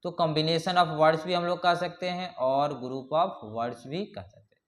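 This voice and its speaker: A man teaching a grammar lesson, slowly reading out English definitions word by word and often checking in with his class. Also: a little high, steady tone, fairly bright tone. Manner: slow explaining, reads English definitions word by word, repeats "ठीक है".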